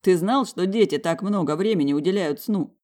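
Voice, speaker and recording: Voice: medium pitch, normal speed, darkish tone, voice pushed up, close to an everyday voice. Narrator doing smug rich young guy, dismissive, audiobook dialogue. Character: young man, smug wealthy husband.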